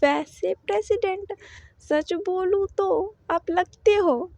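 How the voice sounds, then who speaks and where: A clumsy, panicky young male employee who stutters and blurts too much, put on by a woman narrator. The voice climbs very high and squeaky, close and dry for a storybook reading. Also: takes it slowly, vocal fry, a little mellow, dry recording, exaggerated voice. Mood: flustered. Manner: stuttering, flustered, rambling.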